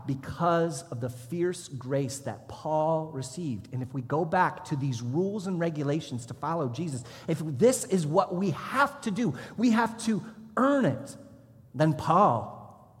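A man in his thirties, a pastor preaching a sermon, telling stories and now and then shouting as he acts out a drill instructor. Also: a little high, expressive, unhurried. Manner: storytelling, shouts when acting out a drill instructor. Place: church hall. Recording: long hall reverb.

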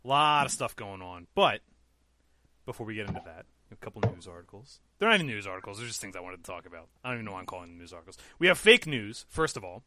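This esports podcast host speaks fast in a lowish, sing-song voice over a very noisy recording. He keeps things casual, rambling loosely and correcting himself along the way.

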